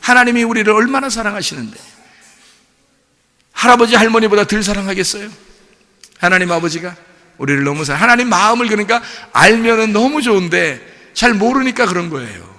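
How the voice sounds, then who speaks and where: A man preaching in a high, bright voice that carries through a church sanctuary with a long reverb tail. He talks to the congregation as if chatting with them, throwing out questions and breaking into little laughs. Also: animated, a little fast. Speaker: pastor. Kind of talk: sermon.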